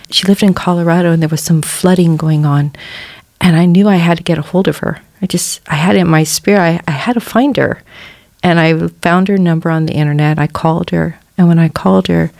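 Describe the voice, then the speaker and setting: Middle-aged woman, podcast guest; earnest testimony with lively quoted voices; low-ish pitch, dry close sound. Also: a little fast, vocal fry, dry recording. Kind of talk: personal testimony in a church podcast interview.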